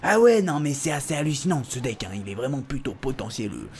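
A man's voice: mid-range voice, expressive, brisk, a little mellow. A young man commenting casually on his own gameplay, joking and teasing the viewer and his opponent. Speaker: gaming YouTuber. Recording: faint background noise.

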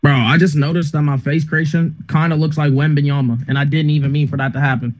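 A man's voice: fairly high pitch, little pitch movement, fast. A young man chatting casually in a gaming party chat, easygoing and self-mocking. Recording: dull lo-fi chat audio, loud music behind.

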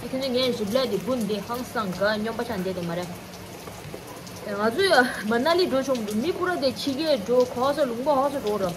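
In a casual vlog filmed in her small home kitchen, a twenty-something woman speaks to her phone camera at normal speed, her voice on the high side. She switches languages and swears from time to time, with background music and noise in the mix.

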